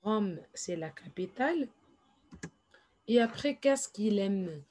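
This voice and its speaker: A woman teaching in a slow, patient classroom explanation, repeating each phrase and adding English asides. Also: medium pitch, lively intonation, a little mellow, slight background noise. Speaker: French teacher.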